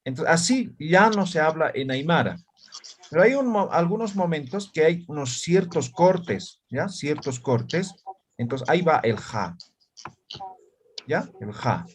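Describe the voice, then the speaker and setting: A man's voice: fairly high pitch, big pitch swings, unhurried, slight background noise. A man teaching an online language class, explaining patiently and checking often that students follow.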